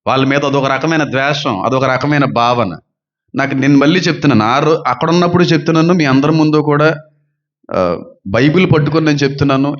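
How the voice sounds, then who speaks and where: A man preaching a sermon as a pastor, fervent and full of rhetorical questions, swinging between loud and soft. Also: mid-range voice. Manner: says he talks fast and gives quick counters. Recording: dull lo-fi sound.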